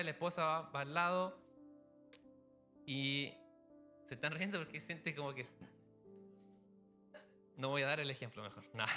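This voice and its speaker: A man's voice: on the high side, pushed and bright. A man preaching a sermon to a church congregation, telling everyday stories in a conversational way. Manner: conversational preaching with illustrative anecdotes. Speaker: pastor.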